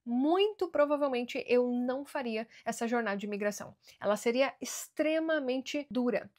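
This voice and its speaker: A Brazilian woman giving earnest immigration advice straight to camera in a vlog, slowing down to stress key words. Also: on the high side, darkish tone. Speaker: immigration vlogger.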